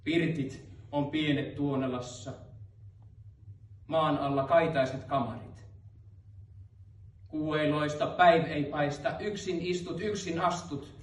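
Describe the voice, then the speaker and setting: A man performing the slow, solemn chanted words of a dead father speaking from the grave. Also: fairly high pitch, steady tone, natural voice. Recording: roomy hall, mic far off.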